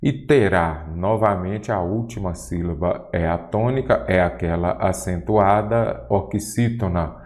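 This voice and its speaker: A man's voice: deep voice, a little slow, few pauses, darkish tone. A Brazilian man teaching Portuguese in an online exam-prep lesson, posing questions and answering them himself. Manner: didactic, asks and answers his own questions.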